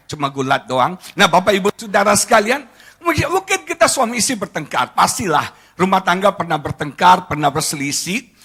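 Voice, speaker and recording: A middle-aged male pastor, giving a joking, animated sermon to his congregation. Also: high-pitched, husky. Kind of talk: lively humorous sermon.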